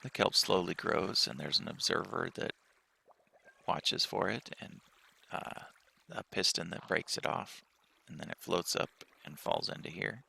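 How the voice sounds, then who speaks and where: A man giving a relaxed tour of his game world with a just-woken-up morning voice, pausing often and speaking softly. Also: low-pitched, vocal fry, slightly rough. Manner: relaxed walkthrough with frequent pauses and fillers. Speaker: game player.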